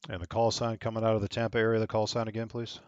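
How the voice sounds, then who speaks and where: A man's voice: on the low side, level tone, racing, muffled recording. A man working as a virtual air traffic controller, switching between procedural air traffic control radio calls and casual explanation. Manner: procedural phrasing, spelled-out digits and call signs.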